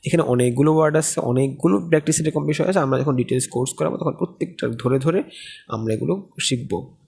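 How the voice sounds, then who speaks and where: A man's voice: a little high, fast talker, vocal fry, a little mellow, slightly rough. A man teaching an Arabic course, explaining step by step and often checking with questions. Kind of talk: recorded lesson lecture.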